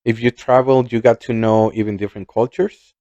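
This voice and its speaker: A man's voice: mid-range voice, fairly even intonation, fairly quick, mellow, no room sound, lo-fi sound. A man, co-hosting a casual chat, reflective and hesitant, often repeating words. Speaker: podcast co-host.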